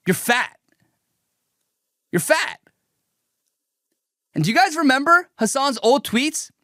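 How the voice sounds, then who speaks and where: A young man raised in the United States hosts a livestream reaction rant, mocking and combative on politics and speaking emphatically. His voice is extremely high-pitched with a fairly bright tone, captured in a dry, clean studio recording.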